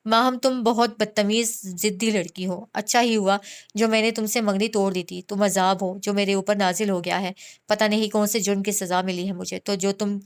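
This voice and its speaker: A quick-tempered young husband from a romance novel, as a woman reader puts him on. He scolds and threatens, proud and easily flustered, with a smooth, clean tone. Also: mid-range voice, steady tone, close to an everyday voice. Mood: angry. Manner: angry, scolding.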